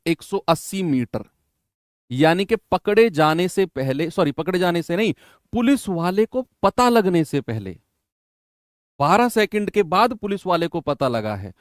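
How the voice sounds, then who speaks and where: A man's voice: fairly high pitch, no room sound, clean studio sound. A man teaching an exam-prep math lesson in Hindi, coaching students in a chatty way and often checking with "है ना?".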